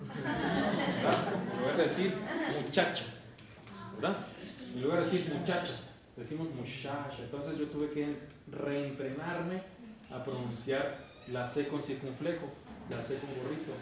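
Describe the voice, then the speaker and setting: A man from northern Mexico with a northern Mexican accent, teaching a class, joking and calling on students by name while repeating sounds slowly. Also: fairly high pitch, distant mic, background noise. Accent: northern Mexican Spanish. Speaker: Esperanto teacher. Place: university classroom. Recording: very echoey classroom taped from afar.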